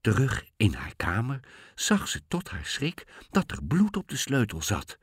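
A man reading a fairy tale aloud in a lively, expressive way. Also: medium pitch, measured pace, slightly rough, dry recording, clean studio sound. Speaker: storyteller.

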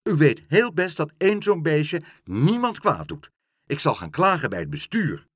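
A man's voice: low-pitched, very animated, normal speed, a bit bright, no echo, exaggerated voice. A kindly, earnest bookseller from a children's story, as a man reads him out. He argues his case with feeling, his voice rising and falling widely, heard dry and close up. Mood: indignant. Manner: earnest, indignant. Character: kindly indignant older male bookseller.

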